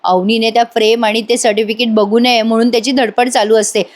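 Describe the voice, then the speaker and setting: Chatty woman doing a voice-over recap, fairly high voice, talks right to viewers. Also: fairly even intonation, fairly quick. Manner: chatty storytelling, addressing viewers. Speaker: serial review host. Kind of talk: casual voice-over episode recap.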